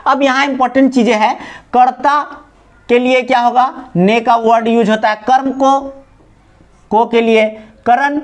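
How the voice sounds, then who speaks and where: A man's voice: extremely high pitch, steady tone, measured pace. A man teaching a grammar lesson to a class. He repeats his examples and keeps asking whether the students understand.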